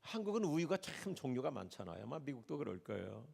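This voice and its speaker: Lively gravelly pastor. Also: male voice, mid-range voice, fast talker. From Chungcheong, Korea. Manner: storytelling with jokes, acts out characters. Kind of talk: humorous sermon. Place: church sanctuary. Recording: reverberant church hall.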